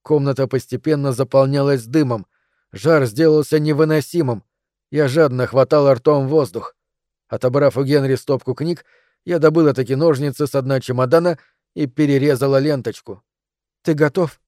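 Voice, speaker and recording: A man narrating an audiobook in a measured, dramatic reading. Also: medium pitch, steady tone, warm tone, no echo, clean studio sound. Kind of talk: scripted narration.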